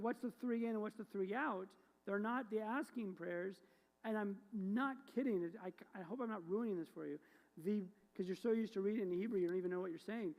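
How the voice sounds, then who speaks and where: A woman's voice: medium pitch, darkish tone. A woman rabbi explaining the prayers to her congregation in a playful, joking way, quizzing them as she goes. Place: synagogue sanctuary. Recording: long sanctuary reverb.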